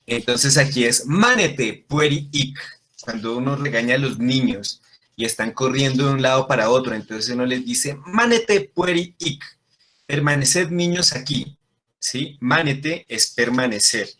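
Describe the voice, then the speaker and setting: A man's voice: medium pitch, unhurried, fairly bright tone. A man teaching a Latin class, explaining patiently and checking in with frequent questions to his students. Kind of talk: classroom lesson.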